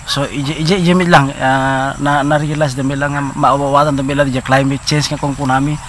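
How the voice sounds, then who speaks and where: Halting middle-aged Filipino man outdoors. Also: medium pitch, little pitch movement, fairly bright tone. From Philippines. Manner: halting, searching for words, mixing English terms. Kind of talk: documentary interview. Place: outdoors by a rural pond with hills. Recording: outdoor interview with audible background noise.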